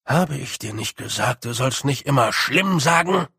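A man's voice: medium pitch, lively intonation, moderate pace, bright, forceful tone, dry recording, clean studio sound, heavily acted. A man doing a grumbling little fairy chief. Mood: weary. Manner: gruff, grumbling, weary. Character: small, gruff blue male fairy chieftain.

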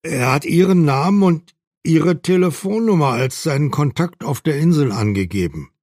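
A man's voice: fairly high pitch, expressive, moderate pace, a little mellow, no room sound, studio quality, voice pushed up. A man voicing a male police officer who hesitantly and formally delivers grim news, read in an audiobook. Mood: somber.

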